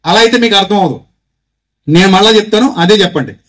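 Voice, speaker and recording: A man's voice: high voice, expressive, fast, fairly bright tone. A man preaching a Christmas sermon with a Telugu accent, pressing his listeners with rhetorical questions and having them repeat lines after him. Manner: exhorting, calls congregation to repeat phrases. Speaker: pastor.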